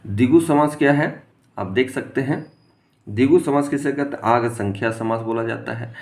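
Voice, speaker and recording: A man's voice: mid-range voice, moderate pace. A man teaching an exam-prep grammar lesson. He keeps asking rhetorical questions, answers them himself and repeats the key terms.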